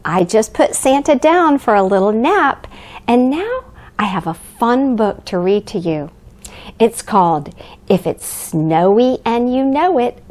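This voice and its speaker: A woman playing a cheerful, grandmotherly Mrs. Claus, reading a picture book aloud to young children in an exaggerated, sing-song way. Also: on the high side. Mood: cheerful, welcoming. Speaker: children's storyteller. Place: living room by a fireplace, indoors.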